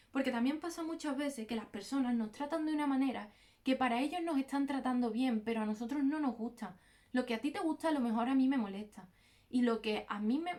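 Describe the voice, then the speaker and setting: A woman's voice: fairly high pitch, a little mellow. A young woman with a Peninsular Spanish accent giving direct, encouraging self-help advice to her viewers. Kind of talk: motivational advice talk.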